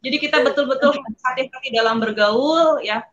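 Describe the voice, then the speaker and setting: A woman with an Indonesian accent and a high, slightly fast voice appears as a guest speaker, informally recounting and explaining her experiences as a former student abroad. The stream audio is somewhat dull and lo-fi.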